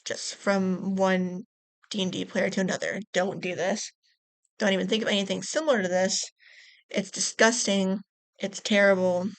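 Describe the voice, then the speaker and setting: A woman's voice: medium pitch, flat delivery, normal speed, no room sound. A young woman reading tabletop game stories for her channel, earnestly scolding and repeating herself in casual vlog commentary. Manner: earnest, repetitive scolding, fillers.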